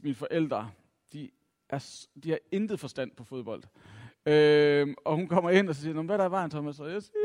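A man's voice: fairly high pitch, a little mellow. A middle-aged man from Denmark telling a personal story to an audience, reflective and self-mocking, with lots of filler sounds. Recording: long reverb from a hall.

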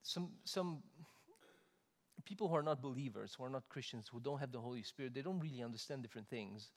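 A man delivering a sermon, moving from loud, emphatic stresses to soft, conversational asides. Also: mid-range voice, animated, a little fast. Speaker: preacher. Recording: long hall reverb.

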